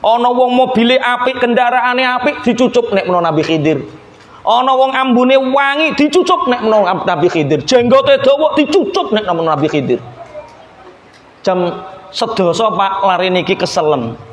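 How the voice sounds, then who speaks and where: A man with a Javanese accent preaching a sermon, telling a story lively and acting out its dialogue. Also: very high voice, moderate pace, slight background noise. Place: gathering in Balikpapan. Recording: echoey room with faint ambience.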